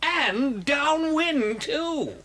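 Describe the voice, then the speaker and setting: A man's voice: very high-pitched, lively intonation, extremely slow, sharp tone, full character voice. An actor playing an anxious, self-pitying father fox in a children's audio drama, fretful and melodramatic. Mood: mournful, fretful.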